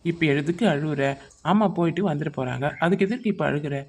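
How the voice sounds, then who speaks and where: A woman's voice: low-pitched, fast, a little mellow. A woman voicing a father in a cartoon, scolding and coaxing his crying child. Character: father, impatient but caring. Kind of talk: cartoon voice acting.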